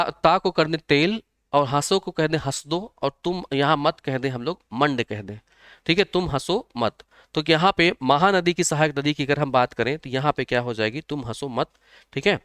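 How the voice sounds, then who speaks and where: A man's voice: medium pitch, a bit bright, clean tone, no room sound. A man teaching geography in a live online exam-prep class, often repeating himself, checking with students and giving memory tricks.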